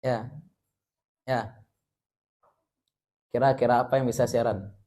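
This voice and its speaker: Man, Minangkabau accent, Islamic teacher, lively lecture, jokes with the class. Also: mid-range voice, slow. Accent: Minangkabau Indonesian. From West Sumatra. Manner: lively, joking, explains Arabic terms. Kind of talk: religious study lecture.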